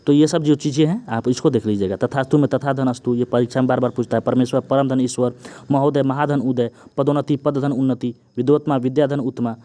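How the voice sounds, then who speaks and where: A young man teaching an exam-prep Hindi grammar lesson, running quickly through word lists and often checking in with the students. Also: medium pitch, steady tone, mellow. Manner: rapid list-reading with frequent "ठीक ना" checks and "Babu" address.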